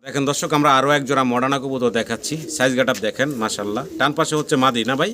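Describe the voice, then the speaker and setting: A man with a Bangladeshi Bengali accent giving a fast sales tour of a pigeon farm, repeating prices and blessings as he shows each pair. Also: medium pitch. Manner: rapid patter, repeats prices, frequent blessings. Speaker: pigeon seller channel host. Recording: noisy farm recording with pigeons. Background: pigeons cooing.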